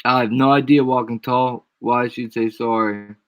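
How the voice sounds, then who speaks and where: A man's voice: mid-range voice, steady tone, moderate pace, no echo, muffled recording. A man hosting a live stream, chatting casually in slangy, repeated short phrases. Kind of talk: casual chat.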